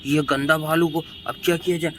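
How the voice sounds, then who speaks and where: Excited man narrating toy play for kids. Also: on the high side, brisk, slight background noise. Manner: excited, addresses children directly. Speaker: children's channel host.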